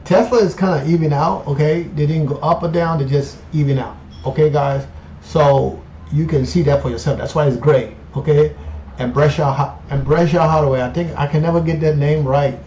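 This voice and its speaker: A man in his fifties from Colombia hosts an investing channel and gives a casual portfolio update in a slightly high, somewhat mellow voice. His tone is steady and his pace moderate, and he chats along, often adding "okay" and "you know." The room is echoey, with dull lo-fi sound and faint noise.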